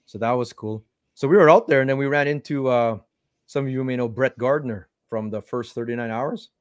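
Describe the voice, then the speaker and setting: A man hosting a fishing podcast from home over a video call with a headset, telling stories in an animated way and acting out what people said. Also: mid-range voice, brisk, no room sound. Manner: animated storyteller, acts out quotes. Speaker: podcast host. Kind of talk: casual chat.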